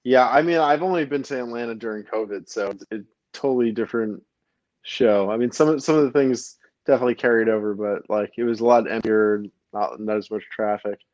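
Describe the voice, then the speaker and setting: A man's voice: mid-range voice, a little fast, darkish tone, no echo. A man from Brooklyn hosting a podcast in casual chat, rambling with plenty of fillers and restarts. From Brooklyn, New York. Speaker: podcast host. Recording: dull lo-fi dry sound.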